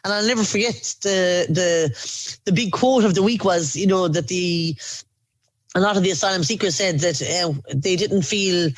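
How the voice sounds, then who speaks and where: A woman's voice: on the low side, normal speed, dry recording, poor audio. An Irish woman, an aid volunteer, recounting her experiences in an earnest, emphatic documentary interview.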